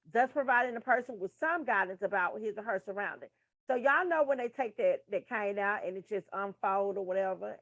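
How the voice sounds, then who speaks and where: A woman's voice: medium pitch, no room sound. A woman teaching nursing material in a casual, frank style, full of profane asides to her listeners. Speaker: nursing tutor. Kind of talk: casual study lesson. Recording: dull lo-fi sound.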